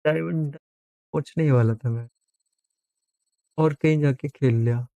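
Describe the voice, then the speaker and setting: A man's voice: a little high, a little slow, vocal fry, dark tone, no room sound. A man from India live-streaming a game, chatting casually, teasing viewers and reading chat aloud, mixing in English phrases.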